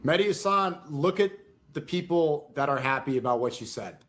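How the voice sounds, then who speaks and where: A man's voice: on the high side, lively intonation, moderate pace, a bit bright. A man in a played clip, ranting indignantly and speaking directly to his critics. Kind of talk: streamer rant.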